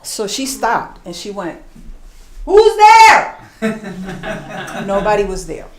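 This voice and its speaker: At a storytelling concert with an audience, a woman from New York who is new to this speaks in a mid-range voice with a roomy sound. Conversational and animated, she acts out voices and deliberately slows to emphasize points.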